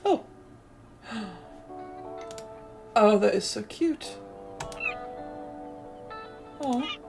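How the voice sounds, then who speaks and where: A woman's voice: on the high side, lively intonation, drawn-out words, vocal fry, faint music behind. A woman streaming a cozy game playthrough, reading the on-screen text aloud and gushing with delight over what she finds. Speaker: let's play streamer.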